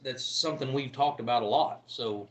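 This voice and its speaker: Bright-toned man on a casual live stream. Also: mid-range voice, normal speed. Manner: relaxed, joking, trails off mid-thought. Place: room in a home. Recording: roomy echo with faint background noise.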